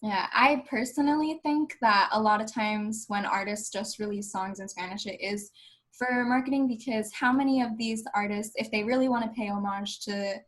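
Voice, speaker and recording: A woman's voice: medium pitch, moderate pace, fairly bright tone, rough recording. Earnest young woman giving a class talk. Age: young adult. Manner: earnest, persuasive. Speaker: student presenter. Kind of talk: class presentation and discussion.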